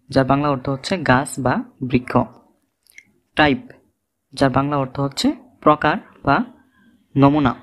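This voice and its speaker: A man with a Bangladeshi Bengali accent teaching English reading, spelling out words letter by letter and giving their meanings. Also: on the high side. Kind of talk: slow instructional lesson.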